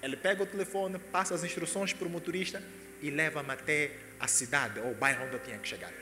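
A man telling a personal testimony, animated and breaking into sudden loud exclamations. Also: fairly high pitch, quick pace. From Angola. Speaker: speaker giving a personal testimony. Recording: echoey hall with faint music.

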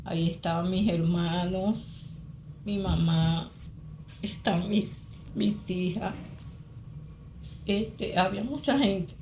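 A middle-aged Venezuelan woman giving spoken testimony as a mother, halting and repeating phrases. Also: on the low side, a little mellow, reverberant, slight background noise. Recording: interview with music underneath.

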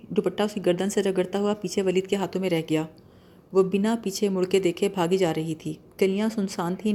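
A woman reading a novel aloud as an audiobook narrator. Her voice is mellow and darkish, her delivery steady and measured. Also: mid-range voice.

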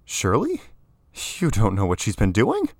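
An earnest, questioning young man, voiced by a low-pitched narrator pushing his voice up. The reading is close and dry, like a storybook. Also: wildly swooping pitch, measured pace, dry recording, heavily acted.

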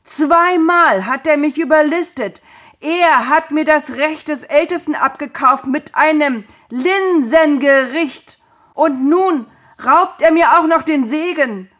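A woman's voice: high-pitched, takes it slowly, pitched above the performer's own voice. A woman doing a desperate weeping young hunter. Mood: bellowing. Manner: loud, pleading, emotional. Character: grown elder son, a hunter, desperate and weeping.

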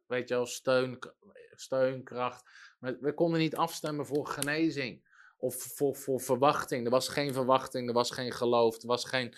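A man delivers a sermon in a middle-pitched voice. He speaks with emphasis and tells stories, acting out the people he quotes. His delivery stays lively and direct. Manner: emphatic, storytelling, acts out quoted prayers and people. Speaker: preacher.

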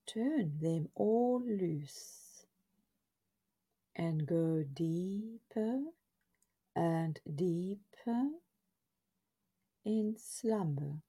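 Very slow, dark, hushed woman guiding relaxation. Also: on the low side, lively intonation, slightly rough. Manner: soothing, hushed, drawn-out phrases with pauses. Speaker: guided relaxation narrator. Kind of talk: scripted guided body scan meditation in a soft, breathy half-whisper.

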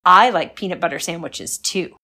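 A woman voicing a playful schoolgirl dressed as a ghost, who booms spooky threats loudly before turning friendly and bubbly. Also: normal speed, husky.

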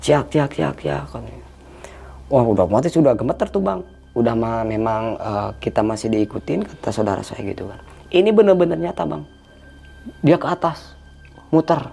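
Gravelly-voiced man telling a scary story. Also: medium pitch, big pitch swings, brisk, mellow. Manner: tense, imitates eerie sounds, addresses listener as Bang. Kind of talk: casual storytelling.

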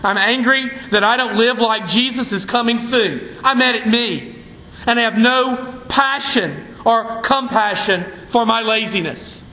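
Fiery high-voiced male preacher. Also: measured pace, bright, forceful tone, roomy sound, low-quality recording. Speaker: pastor. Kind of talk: sermon. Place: church sanctuary.

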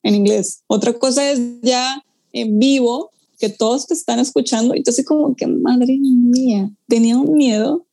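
Chatty woman pianist, animated. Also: fairly high pitch, vocal fry, soft background music. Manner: animated storytelling, quick asides and acted-out quotes. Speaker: pianist guest. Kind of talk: casual conversation.

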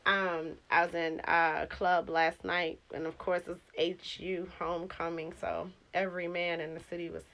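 Bright-voiced woman in her forties. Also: lowish voice, level tone. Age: 40s. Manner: candid, storytelling, drawn-out fillers. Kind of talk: casual chat.

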